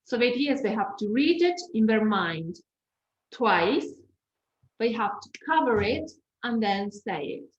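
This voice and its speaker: Brief: woman trainer, unhurried delivery, roomy echo on a webinar call, lively and demonstrative. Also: fairly high pitch, lo-fi sound. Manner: lively, demonstrative, sings and hums examples. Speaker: teacher trainer. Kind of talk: online teaching webinar.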